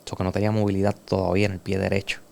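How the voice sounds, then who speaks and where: A Puerto Rican man giving an earnest, emotional personal testimony as a guest in a conversation, dropping soft and slow at heavy moments. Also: sits low, completely flat delivery, creaky, slight background noise. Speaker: podcast guest.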